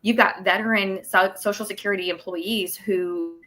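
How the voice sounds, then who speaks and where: On a podcast, a woman who coordinates work incentives chats casually as a talk-show guest, explaining benefit rules at length with plenty of fillers. Her mid-range voice is steady and fairly bright, at a normal speed.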